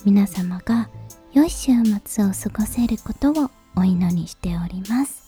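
A woman hosting a late-night podcast in a soft, breathy, whispery voice, speaking to listeners in extremely polite, formal phrasing. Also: mid-range voice, expressive, measured pace, soft background music. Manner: ultra-polite, formal honorific Japanese phrasing. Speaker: podcast host.

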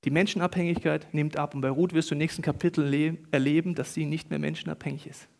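Middle-aged pastor guy preaching, kinda high voice, goes quiet and personal then gets loud and worked up. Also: quick pace, creaky. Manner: swings from hushed, intimate tones to loud, excited outbursts. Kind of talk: sermon.

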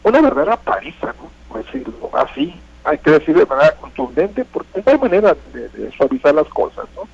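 Male political analyst, very gravelly and slightly high, emphatic repetitive delivery on radio. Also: sing-song, fairly quick, dry recording. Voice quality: gravelly, husky. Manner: emphatic, repeats phrases. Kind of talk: live election commentary. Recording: dull, lo-fi radio sound.

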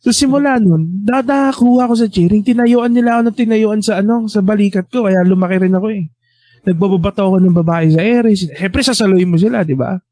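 Guy in his 30s, high mellow voice, lively storyteller, dry sound. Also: fairly quick, no room sound. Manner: animated storyteller, voices people he quotes. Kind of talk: casual storytelling chat.

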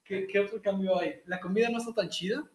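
A man with a northern Mexican accent speaks in a somewhat high register. He chats as an interview guest in slangy, joking, colloquial phrases. The room adds a clear echo to his voice. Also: fairly even intonation, quick pace. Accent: northern Mexican (Nuevo León). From Nuevo León, northern Mexico. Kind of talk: casual interview chat. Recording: echoey room sound.

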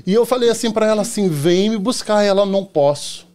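A middle-aged man with a Carioca accent chats as a podcast guest, his voice sitting fairly high for a man. He tells anecdotes casually and plays out the back-and-forth dialogue as he goes. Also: animated, fast talker, darkish tone. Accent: Carioca Portuguese. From Rio de Janeiro, Brazil. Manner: chatty, tells anecdotes acting out quoted dialogue, often tags "entendeu?". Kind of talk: casual storytelling in a podcast chat.

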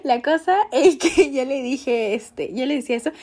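A woman's voice: high-pitched, moderate pace, darkish tone. A young woman with a Peruvian Spanish accent, telling a story in casual chat and laughing often.

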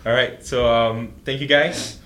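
A man's voice: medium pitch, fairly even intonation, measured pace, bright, forceful tone, a little hiss or hum. A young man hosting a casual podcast chat, joking and laughing often. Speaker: podcast host. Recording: roomy echo.

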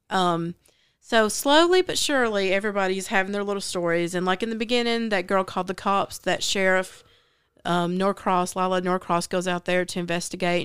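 A woman's voice: on the low side, fairly bright tone, clear, resonant tone, no room sound, clean studio sound. A woman with a Southern US accent hosting a casual book chat, retelling a story in a rambling way with many fillers. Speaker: podcast host.

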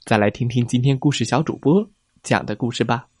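A young adult man narrating a children's story in a gentle, clear way, speaking to children. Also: medium pitch, a little fast, no echo, clean studio sound.

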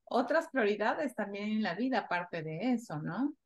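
A woman's voice: medium pitch, sing-song, low-quality recording. Thoughtful woman from Ecuador. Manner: thoughtful, pausing with fillers. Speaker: guest. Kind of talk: casual chat.

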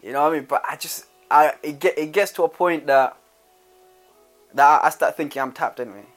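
A man hosts a casual chat, telling rambling stories full of restarts and slang tags. His voice sits a little high. Faint music plays underneath. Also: fairly quick. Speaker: podcast host.

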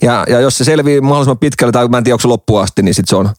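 A man's voice: medium pitch, dry recording, studio quality. A man hosting a podcast in casual chat, rambling through joking stories and laughing often. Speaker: podcast co-host.

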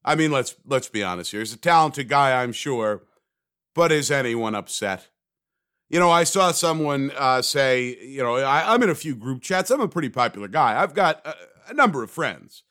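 A man's voice: mid-range voice, lively intonation, normal speed, sharp tone. A man hosting a comedic solo podcast, talking in a sarcastic, rambling, self-mocking way. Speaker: podcast host.

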